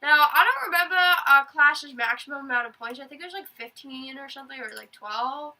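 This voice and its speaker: A young woman hosts, telling stories to camera in a chatty, casual way, excitable and exclaiming. Her voice is high and a little fast, and she can't pronounce r, saying w instead. The recording is low quality, with the mic set at a distance.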